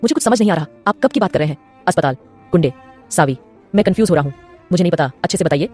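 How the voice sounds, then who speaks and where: Desperate young husband, pleading, quick; woman voicing him. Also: on the low side, animated, dark tone, soft background music. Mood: pleading, frantic. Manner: pleading, urgent questioning.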